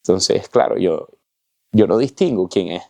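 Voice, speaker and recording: A man's voice: sits low, expressive, a little slow, creaky, mellow, no room sound. A man giving a personal faith testimony, telling his story with emotion and acting out the voices in it. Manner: emotional storytelling, with vivid reenactment of dialogue. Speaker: testimony speaker.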